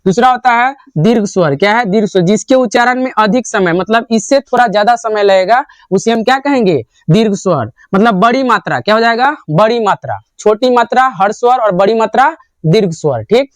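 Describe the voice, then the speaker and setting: A man's voice: sits high, lively intonation, brisk, dry recording. A young man teaching grammar in a classroom lecture style. He asks a question, answers it himself and repeats the answer.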